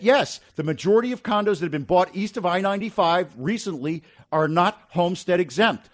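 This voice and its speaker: Male talk radio host, forties, brisk and plainspoken, voice a little on the high side. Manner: brisk, plainspoken, reads his own ad.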